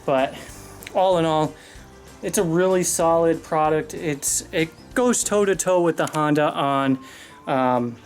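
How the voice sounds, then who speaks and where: A man's voice: a little high, slow, faint music behind. A man giving a casual, rambling mower review outdoors, out of breath and talking with many fillers. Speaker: lawn care video host. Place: outdoors on a lawn.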